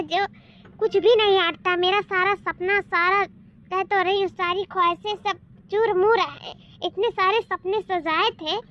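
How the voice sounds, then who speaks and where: A woman's voice: very high voice, fairly bright tone, slight background noise. A woman playing a dramatic young village bride. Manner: dramatic, complaining. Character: discontented young village daughter-in-law, dramatic. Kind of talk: comedy sketch acting. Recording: dull lo-fi sound.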